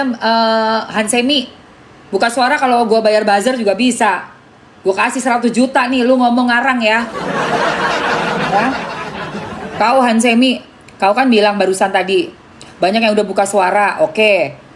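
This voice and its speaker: A woman's voice: on the high side, moderate pace, long pauses, a little hiss or hum. Indignant woman streamer. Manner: talks to viewers by name, argues indignantly; calls herself [name]. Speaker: live streamer. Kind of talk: casual live-stream commentary.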